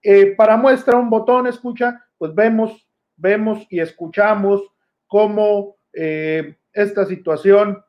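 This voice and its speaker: A Mexican man with a high voice addresses his listeners as an informal news commentator. He hesitates and repeats phrases as he goes. The sound is slightly dull and lo-fi. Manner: halting, repetitive, rhetorical questions. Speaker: host of a political news commentary channel.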